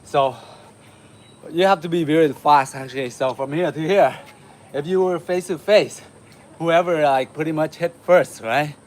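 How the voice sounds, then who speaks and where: A man from Vietnam hosting a martial arts livestream, chatting casually with viewers while he warms up, with lots of uh fillers. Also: on the high side, a little slow. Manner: relaxed, chatty, many uh fillers, laughs often. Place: home in the city.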